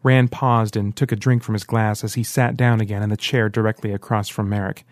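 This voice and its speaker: A man's voice: on the low side, a little fast, no echo, studio quality. Man narrating an audiobook. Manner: steady storytelling. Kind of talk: scripted narration.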